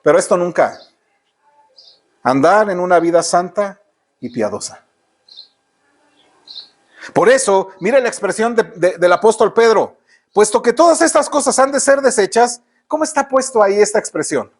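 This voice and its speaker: A man's voice: sits high, expressive, moderate pace, long pauses. A man with a Mexican Spanish accent preaching a sermon in church, often asking the congregation rhetorical questions. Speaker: pastor.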